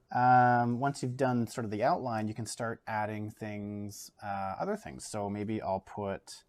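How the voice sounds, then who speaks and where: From a table in his home studio, filmed by an overhead camera, a Canadian man teaches an easygoing art lesson. His voice sits on the low side, and he speaks Canadian English. This art educator talks through his thoughts while drawing, dropping fillers into the gaps.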